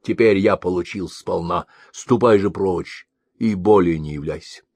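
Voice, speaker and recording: A man's voice: low-pitched, unhurried, a little mellow, breathy edge, dry recording, exaggerated voice. A man voicing a grim, weary old mercenary warlord who speaks curtly and grumbles. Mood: stern. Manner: curt, unmoved, grumbling.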